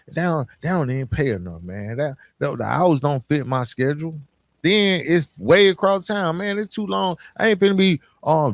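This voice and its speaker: Speaking a little high in a dry recording, this male podcast host gives a motivational talk full of storytelling and repeated key phrases. His tone is emphatic and colloquial, and he addresses the audience informally.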